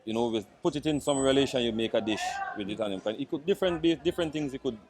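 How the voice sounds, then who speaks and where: A man from Saint Kitts with a Kittitian accent, giving casual, halting interview answers as a market vendor. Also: medium pitch. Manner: halting, pausing often. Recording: busy crowd chatter behind. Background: crowd at a public market.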